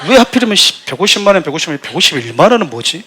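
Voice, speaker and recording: A middle-aged man, the church's senior pastor, delivers a sermon packed with funny stories in a high-pitched, racing voice. He tells them with animation, acting out quotes by raising his voice to a shout.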